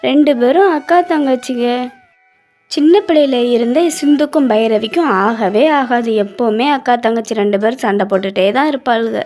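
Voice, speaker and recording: A woman narrating a children's moral story in a slow, gentle storytelling manner, with faint music behind. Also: a little high.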